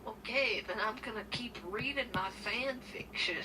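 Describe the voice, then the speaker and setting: A woman's voice: fairly high pitch, moderate pace, pushed and bright, slightly rough, low-quality recording. A woman streamer chatting casually and playfully, joking about doing silly voices.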